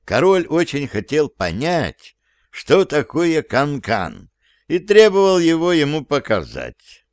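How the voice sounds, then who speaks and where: A man's voice: on the high side, wildly swooping pitch, slow, dry recording, clean studio sound, pitched above the performer's own voice, full character voice. A man playing a touchy circus performer. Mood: defensive. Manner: pleading, defensive.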